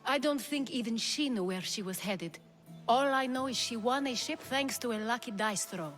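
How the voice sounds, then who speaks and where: Here the same kind of performance carries a fairly high, fairly bright female voice at a moderate pace, still near a natural speaking voice. She plays a proud, commanding woman in charge in a game cutscene, poised and dramatic yet reflective. Soft music lingers behind her.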